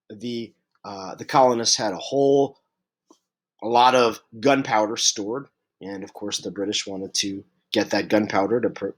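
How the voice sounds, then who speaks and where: A man teaching a history lesson, unwell and clearing his throat, halting with many fillers and restarts. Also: on the low side, a bit bright.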